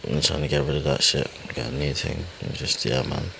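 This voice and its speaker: A young man with a London roadman accent and a gravelly voice, hosting a podcast in casual, slangy chat. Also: very deep voice, fairly even intonation, a little fast, a bit bright, a little hiss or hum, poor audio. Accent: London, urban street (roadman). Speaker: podcast host.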